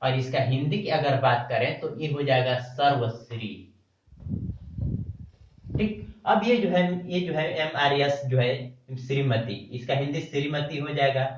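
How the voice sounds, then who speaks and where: A male teacher gives a grammar lesson in an echoing room, his voice picked up from some way off the mic. The sound is dull and lo-fi, and he spells words out slowly, letter by letter. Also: medium pitch, expressive, distant mic, slight background noise. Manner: spells words letter by letter, repeats "ठीक" often. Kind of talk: classroom-style video lecture.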